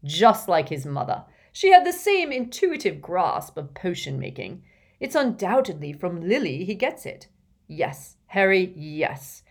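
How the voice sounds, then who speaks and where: A woman voicing a jovial, portly older male potions teacher with a hearty, booming manner. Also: sing-song, unhurried, full character voice.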